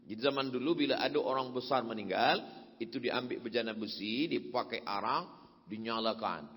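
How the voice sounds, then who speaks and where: A male preacher telling stories in a sermon, swinging between loud emphatic passages and soft, low asides. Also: normal speed. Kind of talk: storytelling sermon. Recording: long hall reverb.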